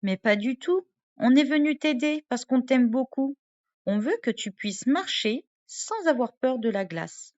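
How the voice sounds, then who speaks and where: A woman's voice: high-pitched, expressive, measured pace, a little mellow, lo-fi sound. A woman voicing a kind, eager little girl adventurer, speaking reassuringly as in a storybook read to a toddler.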